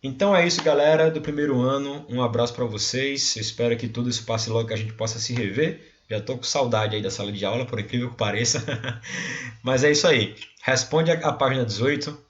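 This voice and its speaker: A man's voice: medium pitch, brisk, muffled recording. A male teacher with a Brazilian Portuguese accent, explaining a recorded class and often checking in with his students. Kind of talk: recorded remote class lesson.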